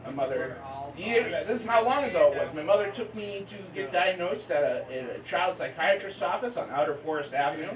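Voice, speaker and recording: A man in his thirties from southern Maine doing a deadpan, self-deprecating stand-up set, repeating his lines. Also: sits high, fairly quick. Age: 30s. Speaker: stand-up comedian. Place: comedy club stage. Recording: roomy club sound from a distance, loud crowd laughter. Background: crowd laughing.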